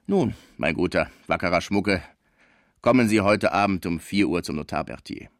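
A vain, ambitious theatre director, as a male narrator plays him, speaks in a bluff, confident, rather loud voice. His low voice moves freely, and the sound is dry and close. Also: lively intonation, moderate pace, no room sound. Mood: assuring.

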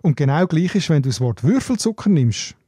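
A Swiss man with a mellow, dark-toned voice, speaking in the relaxed, explanatory way of a linguist on a radio talk show. He keeps asking "oder?" at the end of his points, and his voice sounds close and dry. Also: fairly high pitch, brisk, breathy edge, dry recording. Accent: Swiss German. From Switzerland. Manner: explanatory, often ends with a questioning "oder?".

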